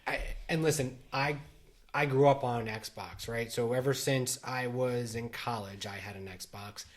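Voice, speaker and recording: Rambling middle-aged dad podcaster. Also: male voice, mid-range voice, fairly even intonation, unhurried. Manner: rambling, many restarts and fillers. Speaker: podcast co-host. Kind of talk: casual chat.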